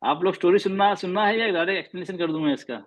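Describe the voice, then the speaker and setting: A man's voice: high-pitched, rapid-fire. A man teaching a class, patient, asking questions and repeating his points, mixing in English terms. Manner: mixes Hindi with English terms. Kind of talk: classroom lesson.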